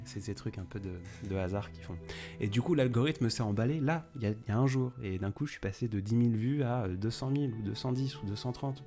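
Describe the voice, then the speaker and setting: A young poet hosts a live stream, chatting and rambling off the cuff while answering viewers by name. His voice is fairly low with a dark tone.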